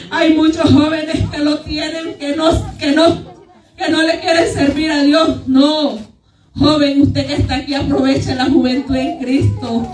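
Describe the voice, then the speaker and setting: A woman giving an earnest, emotional testimony to her church congregation. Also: high voice. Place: church hall. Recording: echoey church hall, mic far off.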